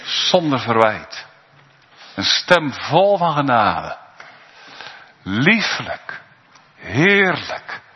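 A man preaching a sermon in a church, slow and emphatic, with pauses and rising calls. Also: medium pitch. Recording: dull recording in a reverberant church.

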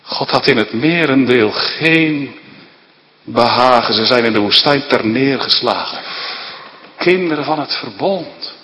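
A man preaching a sermon, emphatic and deliberate, asking his listeners rhetorical questions. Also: mid-range voice, animated, sharp tone. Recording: long hall reverb.

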